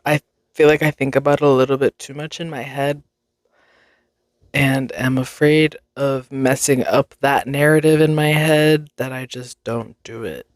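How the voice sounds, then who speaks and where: A woman's voice: rumbling low, steady tone, unhurried, no echo. A young woman hosting a casual solo podcast, rambling, interrupting herself and swearing freely. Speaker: podcast host.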